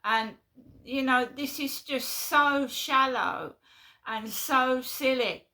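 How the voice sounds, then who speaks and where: London lady ranting on her vlog, bright tense voice, keeps repeating herself. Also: high-pitched, slow. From London, England. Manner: exasperated, repeats herself, talks in short bursts. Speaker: vlogger. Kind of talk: casual venting vlog.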